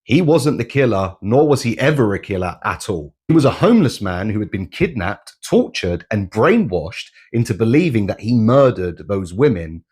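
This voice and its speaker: Husky man telling a suspense story. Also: on the low side, normal speed, few pauses. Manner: suspenseful, swinging between hushed and excited. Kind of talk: dramatic story narration.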